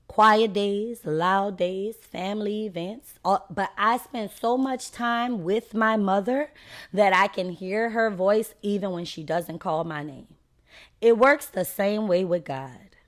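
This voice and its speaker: A woman hosts a faith podcast in an unscripted monologue. She is emphatic and preachy and speaks straight to her listeners as y'all. Her voice sits at an ordinary middle pitch for a woman. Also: slow. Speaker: podcast host.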